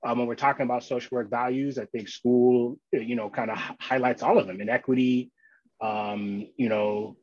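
A man's voice: mid-range voice, steady tone, moderate pace, a little mellow, no echo, muffled recording. New man, dry sound. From Queens and Long Island, New York. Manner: informal, peppers talk with "you know" and "right?". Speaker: interview guest, social worker in schools. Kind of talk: casual conversational interview.

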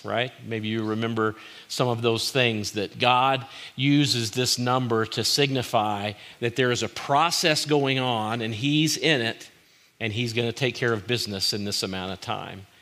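Bright-voiced man preaching a sermon. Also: mid-range voice. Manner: short phrases repeated for emphasis, informal asides. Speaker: pastor.

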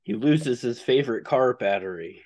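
A man joining a comedy chat with deadpan quips and ideas. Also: medium pitch, moderate pace, dry recording. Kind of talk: improvised comedy banter.

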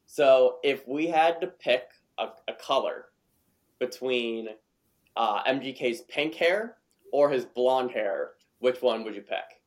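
A male podcast host with an ordinary, mid-range voice, talking in a loose, casual way. He is warm toward his guest and encouraging, and he circles back on his own words while he thinks. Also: mid-range voice, lively intonation, slow pace.

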